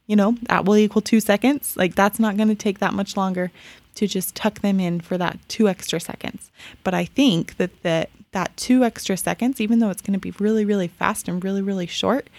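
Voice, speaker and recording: A woman's voice: medium pitch, creaky, darkish tone, dry recording. A woman hosting her own podcast, talking casually and upbeat, often repeating words for emphasis. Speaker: podcast host. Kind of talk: casual solo podcast talk.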